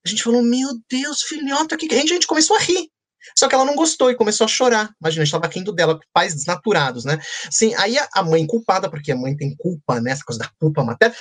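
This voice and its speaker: A man telling stories with a slightly husky edge to his voice. His pitch swings widely as he goes, animated and playful. He is a children's author chatting in a conversation. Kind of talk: storytelling in a conversation.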